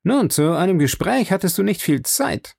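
Man doing a sly, offhand gentleman. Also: high voice, sing-song, normal speed, gravelly, breathy edge, no room sound, clean studio sound, pitched above the performer's own voice, heavily acted. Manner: casual, indifferent tone.

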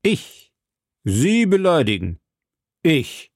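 A coldly mocking aristocratic lord, read by a man in a dark, gravelly voice. His speech is measured and sneering and sounds dry and close. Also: medium pitch, expressive, no echo. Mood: scornful.

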